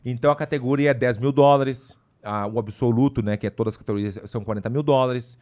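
A man, a podcast guest, telling a story casually in an animated, slangy way with lots of asides. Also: mid-range voice, fast.

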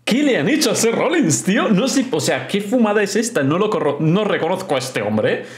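Reaction streamer with a Spain accent, animated pitch, loud exclaiming, echoey room. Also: brisk. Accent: Spain Spanish. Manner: exclaims and swears often, repeats words in bursts. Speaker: streamer reacting to a wrestling show. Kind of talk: excited live reaction commentary. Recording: roomy echo.

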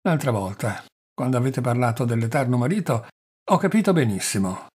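A man's voice: medium pitch, lively intonation, a little fast, a little mellow, slightly rough. A man voicing a fawning, pleading husband. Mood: obsequious. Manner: plaintive and obsequious. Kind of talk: audiobook character reading.

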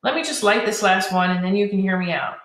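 A woman's voice: mid-range voice, animated, fast talker, fairly bright tone, natural voice. A woman voicing an earnest, wistful young man who trains dragons, speaking in a heartfelt way, in a storybook reading. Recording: roomy echo.

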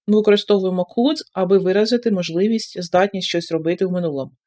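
A woman's voice: fairly low pitch, fast talker, warm tone. Ukrainian-accented woman teacher for an online lesson, explaining each step and repeating it. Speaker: English teacher. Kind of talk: online textbook lesson, switching English and Ukrainian.

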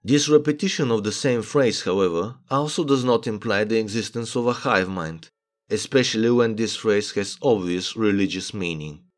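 A man's voice: lowish voice, moderate pace. A man narrating a video essay, making his analytical case and reading story excerpts aloud. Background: background music.

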